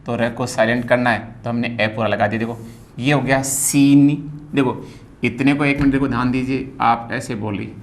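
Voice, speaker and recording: A man teaching a phonetics lesson, spelling words out and repeating each sound slowly. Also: mid-range voice.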